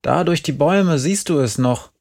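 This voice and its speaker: Ein Mann spricht ein raues, freches Mädchen. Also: male voice, a little high, normal speed, gravelly, pitched above the performer's own voice. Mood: blunt. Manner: blunt, loud, bossy. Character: tough, brash teenage girl.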